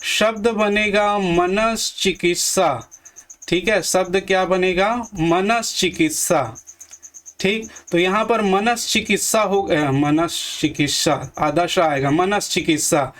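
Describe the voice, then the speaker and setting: A man teaching Hindi grammar for exam prep, slowly repeating each word and quizzing his viewers. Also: high-pitched, a bit bright.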